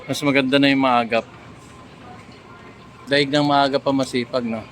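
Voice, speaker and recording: A man's voice: medium pitch, fairly even intonation, normal speed, a bit bright. A man with a Filipino accent chatting casually and playfully as he vlogs on a walk through an airport terminal. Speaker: travel vlogger. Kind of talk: casual walking vlog chat. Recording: faint airport background noise.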